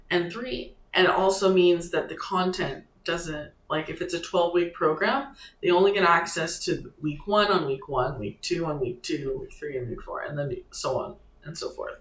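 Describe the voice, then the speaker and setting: A creator walks viewers through building a site in a relaxed screen-share lesson, pausing and thinking aloud between clicks. The voice sits at a middle pitch, and the room around it rings with a noticeable echo. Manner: loose and halting, thinking aloud while clicking through steps. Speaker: online creator and business coach. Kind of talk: casual screen-share tutorial. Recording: echoey room with faint ambience.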